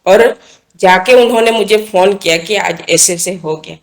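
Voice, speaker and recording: A woman with a medium-pitched voice, speaking a little slowly, earnestly describes a personal faith experience as an interview guest. Her talk is plain and casual, and she often circles back, repeating and restarting phrases as the story develops.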